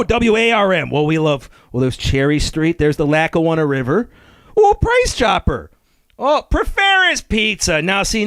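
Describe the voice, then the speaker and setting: A man doing an excitable local. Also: a little high, dry recording, clean studio sound. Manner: rambling, gushing, easily excited, stumbling restarts. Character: excitable rambling nostalgic local Scranton guy, middle-aged man. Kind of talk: comedic character review.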